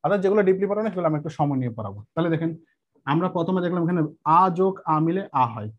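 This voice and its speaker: Male teacher, slightly high voice, patient and repetitive, dull lo-fi recording. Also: animated. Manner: patient, repeats each step with "ঠিক আছে?" checks; slows to spell out examples. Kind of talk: exam-prep grammar lesson. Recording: muffled lo-fi sound.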